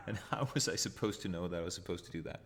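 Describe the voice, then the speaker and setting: Background noise surrounds a low-pitched male voice: a Danish man, Danish accent and all, running a retro gaming channel. He thinks out loud while playing and gives live commentary, laughing at himself when he dies.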